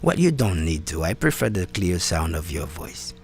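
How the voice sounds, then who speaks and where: A man with a very low voice hosts a live call, stumbling over his words and circling back. Faint music sits under his voice. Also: very animated, vocal fry. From Haiti. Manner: halting, repeats words and restarts often. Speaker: host and community organizer. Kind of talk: live-stream conversation. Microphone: phone or call setup.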